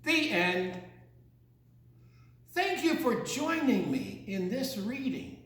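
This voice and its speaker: In a very echoey room, a man with an extremely high, fairly bright voice reads a story to children, slow and highly animated. He's theatrical and playful, stretching out words, tossing in asides, and imitating sounds.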